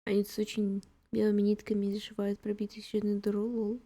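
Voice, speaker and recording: A woman's voice: mid-range voice, completely flat delivery, fast talker, mellow. A woman casually commenting on a game live for her chat, in the gushing, giggly manner of a fan. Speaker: game streamer.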